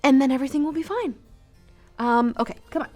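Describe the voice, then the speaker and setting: A woman playing a brisk exasperated director. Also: sits high, a little mellow, soft background music, natural voice. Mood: firm. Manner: brisk, firm, correcting. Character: exasperated female show director. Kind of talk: comedy skit acting.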